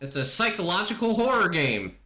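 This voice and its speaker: A man's voice: high voice, very animated, brisk, sharp tone. A man hosting a gaming podcast in casual chat, enthusiastic and exclamatory as he runs through his picks. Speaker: podcast host.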